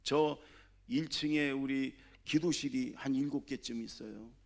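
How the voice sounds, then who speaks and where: Gravelly-voiced male pastor preaching. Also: mid-range voice, steady tone, unhurried. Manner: conversational, keeps asking the congregation questions; swings between loud exhortation and soft asides. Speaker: senior pastor. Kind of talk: Sunday sermon.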